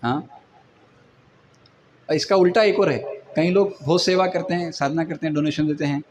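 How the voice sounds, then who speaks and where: A man delivers a relaxed devotional lecture in a conversational way, slipping into quoted voices as he tells everyday stories. His voice sits a little high for a man. Faint background noise runs under the recording. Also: moderate pace, muffled recording. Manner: conversational, acts out quoted people. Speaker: preacher.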